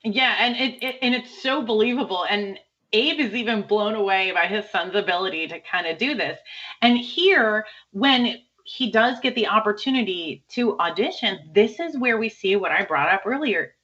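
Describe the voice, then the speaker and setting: A woman's voice: mid-range voice, normal speed, bright, forceful tone, highs cut off. A woman co-hosting a film podcast, chatting casually and animatedly, laughing often as she retells scenes. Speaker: podcast co-host. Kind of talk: casual film review chat.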